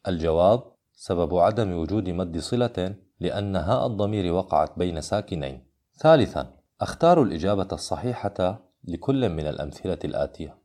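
Male recitation teacher, deep voice, measured scripted delivery with slow chanted examples. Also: warm tone.

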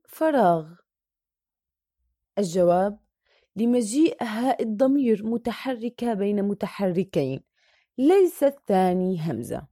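A woman's voice: medium pitch, warm tone, no echo, studio quality. Methodical woman reading a worksheet. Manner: methodical, reads each answer in turn, draws out example words. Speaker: teacher. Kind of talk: reading a Quran recitation worksheet aloud.

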